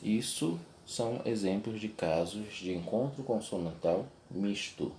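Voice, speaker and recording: A man's voice: fairly low pitch, lively intonation, unhurried, dark tone, a little hiss or hum. A young adult man teaching a video lesson, explaining step by step and checking in with his class.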